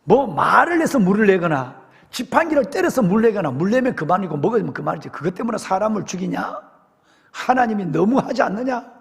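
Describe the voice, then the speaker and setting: A grumbling, indignant crowd of ancient people, put on by a male preacher. The voice swings widely in pitch as the complaints pile up. It rings through a long church reverb. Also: animated, a little fast, creaky.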